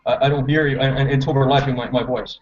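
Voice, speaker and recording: A man from Brazil talks in a mid-range voice over a crackly call line that keeps breaking up. His delivery is hesitant and halting. The muffled headset audio sounds dull and lo-fi. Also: mid-range voice, level tone. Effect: crackly, breaking-up remote call line. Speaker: guest trader on a live market show. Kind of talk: remote interview call.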